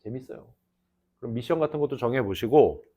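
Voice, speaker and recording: Teasing, lively male teacher. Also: medium pitch, a little fast. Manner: teasing, banmal lecturing with lively asides. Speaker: English teacher. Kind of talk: casual classroom lecture. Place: classroom. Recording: dull lo-fi lecture recording.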